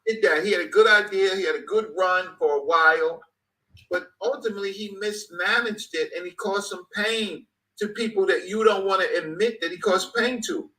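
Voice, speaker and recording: Emphatic man, 50s, higher bright voice, repeats for emphasis. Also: moderate pace, low-quality recording. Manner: emphatic, repeats phrases for stress. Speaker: guest speaker. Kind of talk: passionate conversation.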